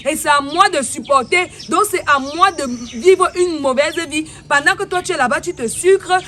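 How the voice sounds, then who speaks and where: Woman acting as a fed-up combative mother, Cameroonian French accent, high bright voice, sharp accusing retorts. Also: slight background noise. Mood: exasperated. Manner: heated, accusing, fast retorts. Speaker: mother in a comedy web series. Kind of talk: comedy web series acting.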